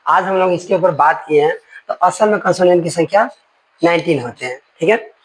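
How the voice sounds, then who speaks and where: A man's voice: fairly high pitch, fairly quick, slightly rough, rough recording. A male teacher giving a grammar lesson, explaining with homely analogies and checking in with the class often.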